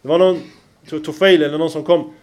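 Male preacher with a high voice, lecturing with rhetorical check-ins and chanted recitation. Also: fairly even intonation. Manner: keeps checking the listeners follow, with rhetorical questions; recites Arabic verses with a chanting lilt. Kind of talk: religious lecture.

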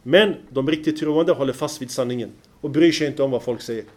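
A man giving a religious lecture, often pausing to check that his listeners follow and reciting Arabic verses in a chanting lilt. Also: mid-range voice. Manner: keeps checking the listeners follow, with rhetorical questions. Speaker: preacher.

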